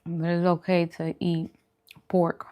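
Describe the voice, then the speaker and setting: This vegan food vlogger has a lowish, warm voice that's monotone and slow. Hosting a casual mukbang, she chats to camera in a conversational, reflective way that encourages her viewers.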